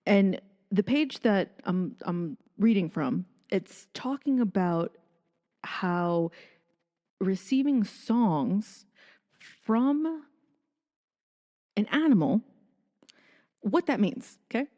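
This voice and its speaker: A woman's voice: mid-range voice, expressive, very slow, long pauses, warm tone, in a large hall. A woman hosting a casual solo podcast, chatting and thinking aloud as she reads passages from a book. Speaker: podcast host.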